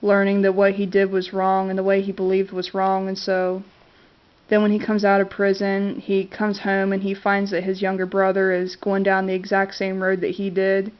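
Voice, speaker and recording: Talking at normal speed in a completely flat, medium-pitched voice, a congested vlogger casually tells her camera about favorite films. She hesitates throughout with many fillers and restarts, and the camera audio is dull and lo-fi.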